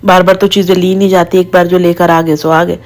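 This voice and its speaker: A woman's voice: on the low side, a little fast. A woman in her thirties from Pakistan with a Pakistani accent, chatting casually to viewers in a daily vlog. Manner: chatty, talks to viewers while driving and errands. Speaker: vlogger. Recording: camera audio with steady background noise.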